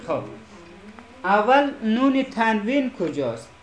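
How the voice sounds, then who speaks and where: A man with a high, sing-song voice teaches a Quran reading lesson in Arabic in a classroom, patiently asking repeated questions to make sure students follow. The classroom is echoey, with slight hiss or hum.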